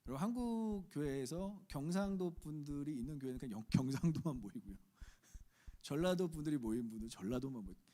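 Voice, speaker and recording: A middle-aged Korean man with a Chungcheong accent, preaching a sermon with animated delivery, asking the congregation questions and acting out quoted voices. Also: a little high, brisk. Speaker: pastor.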